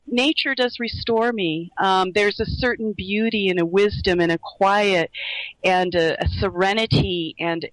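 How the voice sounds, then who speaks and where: A middle-aged woman who grew up in Laos, a radio guest speaking earnestly and reflectively, with many pauses and restarts. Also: medium pitch, fairly bright tone, no echo, low-quality recording. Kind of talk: earnest conversation.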